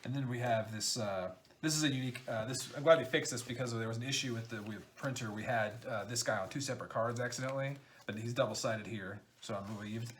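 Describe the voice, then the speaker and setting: A game designer chatting excitedly through an unboxing, halting often with fillers. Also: male voice, medium pitch, a little hiss or hum. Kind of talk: casual unboxing chat.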